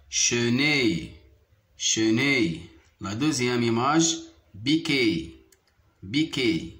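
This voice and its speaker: A man with a Moroccan accent teaching a French phonics lesson, repeating each word slowly and carefully. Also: medium pitch, a bit bright. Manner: slow, deliberate syllable-by-syllable repetition. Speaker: primary school French teacher.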